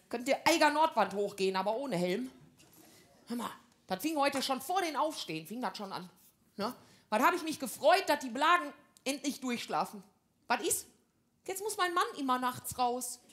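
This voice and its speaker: Female stand-up, slightly high pitch, brash gossipy slang-heavy housewife patter. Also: expressive, normal speed, a bit bright. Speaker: comedian. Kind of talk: stand-up comedy monologue.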